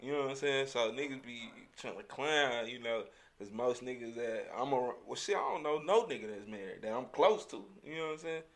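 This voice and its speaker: A man's voice: medium pitch, animated, a little fast, hardly any pauses. A man hosting a casual podcast conversation, talking in heavily slangy, profane street language. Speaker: podcast host.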